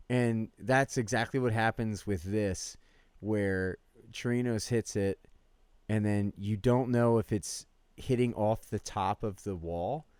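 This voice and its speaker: A man co-hosting a casual sports podcast, telling rambling, animated stories between laughs. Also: lowish voice, clear, resonant tone, no echo. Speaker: podcast co-host.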